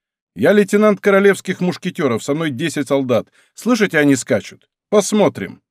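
A man voicing a bold young musketeer lieutenant who gives brisk, mocking orders in a storybook reading. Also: fairly high pitch, very animated, no echo, clean studio sound.

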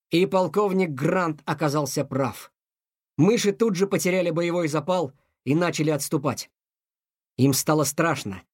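A man narrating a children's adventure story in an expressive, dramatic reading. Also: fairly high pitch, no echo, clean studio sound.

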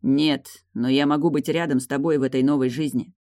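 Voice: mid-range voice, fairly even intonation, a little fast, darkish tone, dry recording, studio quality, natural voice. A reader voicing a frustrated man who keeps pressing for answers in an audiobook dialogue. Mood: pleading.

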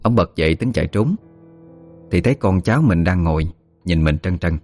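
A man with a deep voice and a Southern Vietnamese accent narrates a ghost story at a steady pace. Faint music plays under his voice. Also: moderate pace.

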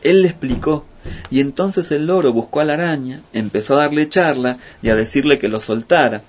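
A man telling a folk tale in a lively, playful way. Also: fairly high pitch, fairly quick, a little hiss or hum. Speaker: storyteller. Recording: muffled with faint music.

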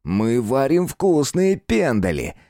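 A man's voice: medium pitch, very animated, takes it slowly, dark tone, no room sound, voice pushed up. A man voicing a cocky teenage schoolyard bully who mocks and bosses his victim, in a dry, close recording. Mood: mocking. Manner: mocking, bossy.

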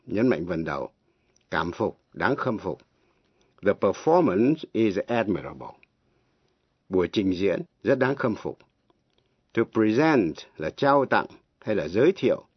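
A man teaching English pronunciation on the radio, slow and deliberate, spelling words out letter by letter. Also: fairly low pitch, slightly rough, no echo. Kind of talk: slow radio language lesson. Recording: dull, lo-fi radio broadcast.

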